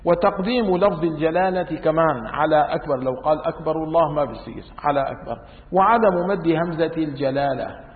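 Man, religious teacher, animated with wry asides; thin lo-fi sound, long hall reverb. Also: fairly high pitch, a little fast. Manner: lively, demonstrative, wry asides. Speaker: teacher of Islamic law. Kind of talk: religious lesson. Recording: tinny phone-like sound in echoey hall.

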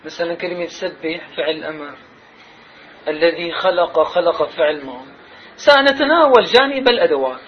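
High-voiced teacher, questioning. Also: male voice. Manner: questioning, drawn-out emphasis on key words. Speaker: Arabic grammar and rhetoric teacher. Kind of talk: classroom lesson. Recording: slightly dull sound, faint noise.

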